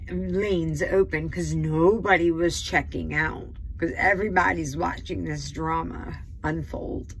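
Slow-talking woman telling a heated story. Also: lowish voice, a little hiss or hum, low-quality recording. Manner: heated, rambling, tearful at times. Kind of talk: emotional storytime vlog. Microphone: phone.

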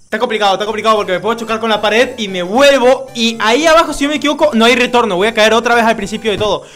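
A man commentating as he plays a video game. He gets frustrated, swears and yells at the game, and the room he records in has an echo. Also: very high-pitched, racing. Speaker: YouTuber playing a video game. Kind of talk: let's-play gaming commentary.

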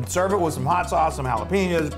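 A man's voice: on the high side, moderate pace, over music. A man hosting a casual cooking demonstration, chatty and enthusiastic, often trailing off and restarting his sentences. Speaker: cooking show host.

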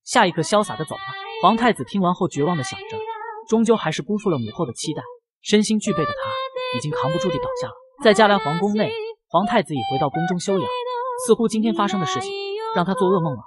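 Fast-talking woman narrator for a manga recap, lively pitch, loud music bed. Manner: brisk storytelling with playful asides. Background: loud background music.

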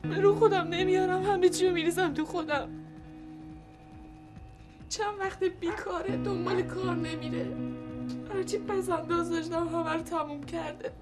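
A woman's voice: very high-pitched, steady tone, pauses often, over loud music. An actress playing an unhappy wife who confides her troubles to a close friend, close to tears. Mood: despairing. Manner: tearful, confiding. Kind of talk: film drama acting.

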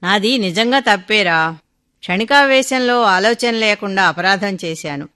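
An anxious, remorseful older father, worried and unsure as a woman narrator voices him. The tone is bright and sharp, read out as a radio story. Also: medium pitch, expressive, measured pace. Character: older man, guilt-ridden anxious father. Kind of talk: storybook reading.

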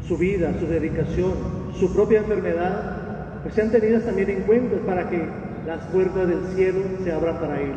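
A middle-aged man, a priest, giving a funeral homily in solemn, halting phrases. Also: sits high. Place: inside a church. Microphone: gooseneck lectern microphone. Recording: echoey church, distant mic, dull, noisy.

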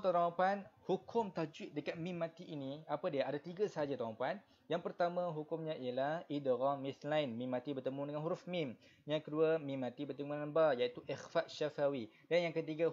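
A man's voice: on the high side, a little mellow. Malaysian male Quran teacher, dull audio. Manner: explains patiently with many repetitions and fillers, then chants verses slowly. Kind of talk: online Quran recitation lesson.

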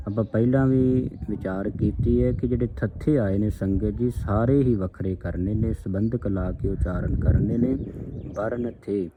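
A man who teaches scripture pronunciation. He recites each line, then slowly repeats single syllables with stress and addresses his listeners respectfully. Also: on the low side, lively intonation, narrow, tinny audio, noisy background. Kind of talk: slow recitation with spoken pronunciation guidance.

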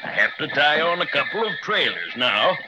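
An actor playing a kindly old Santa, a hearty guide in a 1930s children's radio drama. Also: male voice, on the high side, big pitch swings, normal speed. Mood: jolly, kindly. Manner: hearty, avuncular tour guide. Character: Santa Claus, jolly, kindly old man. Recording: noisy 1930s radio transcription.

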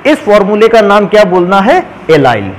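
A man with a high-pitched, lively voice speaking at normal speed walks students through chemistry examples at the whiteboard, step by step, addressing them as "beta." The recording is low quality, with a slight hiss or hum.

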